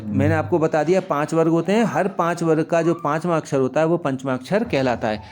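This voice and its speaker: A man teaching a Hindi spelling lesson, repeating each word slowly and speaking straight to the children. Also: on the high side, dark tone. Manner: repeats words slowly, often addresses children. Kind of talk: classroom lesson explaining spelling.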